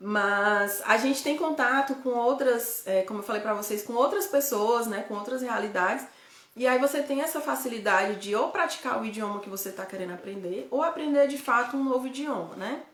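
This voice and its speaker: A woman's voice: fairly high pitch, brisk, fairly bright tone, echoey room. Chatty woman with a Ceará accent. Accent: Northeastern Brazilian, Ceará. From Ceará, Brazil. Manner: chatty, frequent tag questions, self-correcting. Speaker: host, guide living abroad. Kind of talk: casual live chat to viewers.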